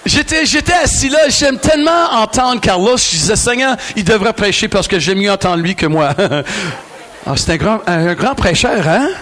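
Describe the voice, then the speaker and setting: Québécois male preacher, high voice, bantering with a big crowd. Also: normal speed. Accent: Québécois French. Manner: animated, joking with the crowd. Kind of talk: lively sermon. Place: large hall with a crowd.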